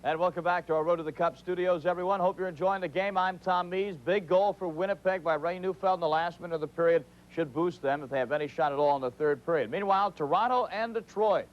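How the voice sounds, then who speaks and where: High-voiced male hockey studio host. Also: fast, hardly any pauses. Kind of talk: hockey intermission commentary. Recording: slightly noisy, dull old TV broadcast.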